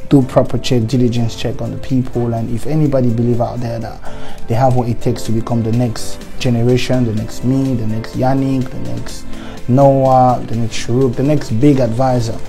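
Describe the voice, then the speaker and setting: A man from Congo, explaining his financial advice work in an interview in a steady, salesman-like way. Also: medium pitch, normal speed, creaky, hardly any pauses, soft background music. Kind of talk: interview answers.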